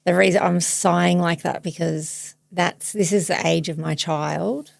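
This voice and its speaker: Low gravelly woman. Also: fairly even intonation, measured pace, no room sound. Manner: thoughtful, searching, soft-spoken with laughs. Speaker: podcast host and therapist. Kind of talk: reflective therapy demonstration chat.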